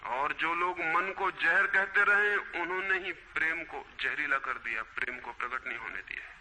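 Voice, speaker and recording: Man, spiritual discourse, emphatic slow delivery, high voice, very bright tone. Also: low-quality recording. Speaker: spiritual teacher.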